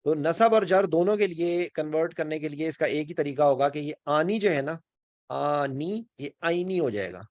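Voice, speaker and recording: Pakistani man teaching grammar, slightly high voice. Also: expressive, darkish tone, no echo. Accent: Pakistani Urdu. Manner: explains step by step, often checking with "ٹھیک ہے"; mixes English words into Urdu speech. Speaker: Quran and Arabic grammar teacher. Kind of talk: online class lecture.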